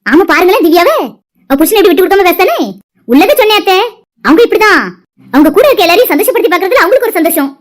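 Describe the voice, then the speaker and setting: Chatty village women in a cartoon family drama, voiced by a woman, a young wife and her aunt trading gossip. The voice sits very high and rattles along at a rapid-fire pace, with lively rises and falls. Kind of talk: animated family drama dialogue.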